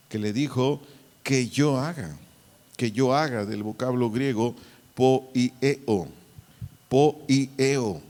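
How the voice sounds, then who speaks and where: A man, a pastor, giving a Bible teaching, deliberately repeating and spelling out key words. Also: mid-range voice, darkish tone. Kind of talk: Bible teaching to church servers. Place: church hall. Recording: long hall reverb.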